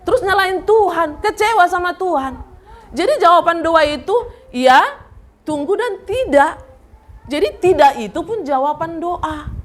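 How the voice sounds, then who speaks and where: A woman pastor preaching a sermon in a church service, animated and often putting questions straight to the congregation. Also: very high voice, a little slow.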